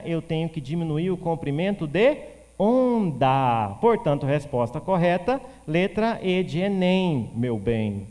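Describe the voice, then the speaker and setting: A man from teaching physics for exam prep, animated, answering questions he voices himself for a student. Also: fairly high pitch, big-room sound. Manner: animated, plays the student asking questions in a shifted voice.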